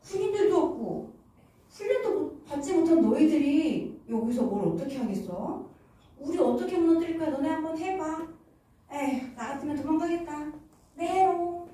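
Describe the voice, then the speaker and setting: A woman's voice: sits high, lively intonation, normal speed, mellow. A woman putting on jeering enemy townsfolk. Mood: taunting. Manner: mocking, teasing. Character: jeering enemy city dwellers taunting. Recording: echoey room from far off.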